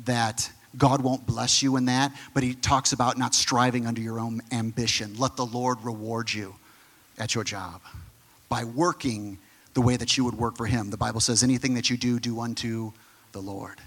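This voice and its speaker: Bright-voiced preacher in an echoing hall. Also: male voice, mid-range voice. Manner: animated, conversational preaching with quick asides. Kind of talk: sermon.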